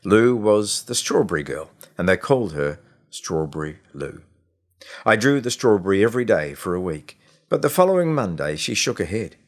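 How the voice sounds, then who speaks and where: A man narrates a short story as a scripted audiobook, his reading measured and expressive with deliberate pauses. His voice sits on the low side.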